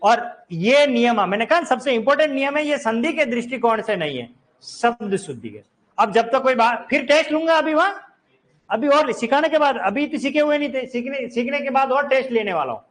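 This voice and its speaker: A man's voice: very high voice, lively intonation, a little fast, a bit bright. A man teaching a grammar class, explaining step by step and quizzing his students. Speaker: Hindi teacher. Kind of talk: classroom lecture.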